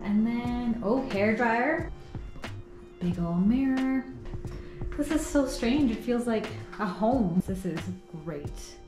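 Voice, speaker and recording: A woman's voice: fairly high pitch, expressive, echoey room, over music. A woman vlogger chatting delightedly as she shows off a rented apartment indoors. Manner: chatty, delighted, quick asides. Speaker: travel vlogger. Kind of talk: casual tour narration.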